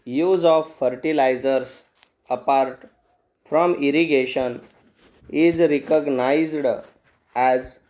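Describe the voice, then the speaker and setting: Slow, mellow Indian man dictating. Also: mid-range voice, rough recording. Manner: measured dictating in short separated phrases. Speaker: shorthand dictation teacher. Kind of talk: dictating a passage for shorthand practice.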